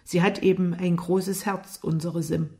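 A woman voicing an angry, jealous young man who speaks loudly and with hostile taunts, in an audiobook. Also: fairly low pitch, fairly even intonation, a little slow. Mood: taunting.

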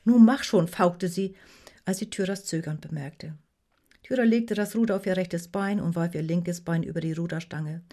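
Woman narrator, low voice, dark mellow tone, measured audiobook reading. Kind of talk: scripted story narration.

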